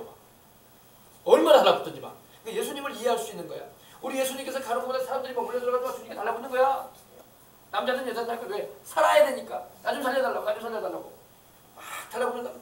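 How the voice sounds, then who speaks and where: A male pastor delivers a fervent sermon at a brisk clip, his voice sitting high for a man. He presses his points with rhetorical questions. The sound is roomy and echoey, picked up from some distance in a church sanctuary. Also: slight background noise.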